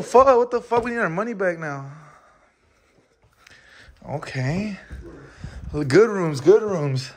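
A young man filming a casual road-trip vlog on his phone, loose, profane and joking with friends. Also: fairly high pitch. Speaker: vlogger. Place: gas station, car and new house. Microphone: handheld phone camera.

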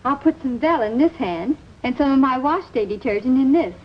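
A woman's voice: high voice, animated, moderate pace. A woman playing an assured housewife giving an emphatic, instructive demonstration in a 1950s TV commercial. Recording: dull, noisy vintage TV soundtrack.

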